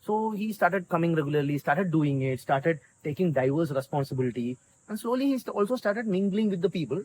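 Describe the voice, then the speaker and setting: A man's voice: on the high side, animated, brisk, a little mellow, slight background noise, low-quality recording. A man with a South Indian accent telling a story conversationally as a guest in an interview. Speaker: interview guest, volunteer community organiser.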